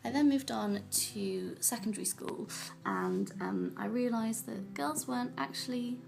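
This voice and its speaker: Gravelly-voiced young woman narrating fondly. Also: a little high, sing-song, measured pace, a little mellow. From Yorkshire, England. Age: 20s. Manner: reflective, fond and sentimental. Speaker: vlogger. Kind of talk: voice-over narration of a life story. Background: music backing.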